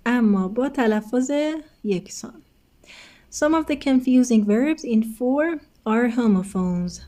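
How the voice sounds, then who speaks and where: A woman's voice: a little high, dark tone. A woman teacher explaining an English textbook lesson step by step, patiently addressing her students.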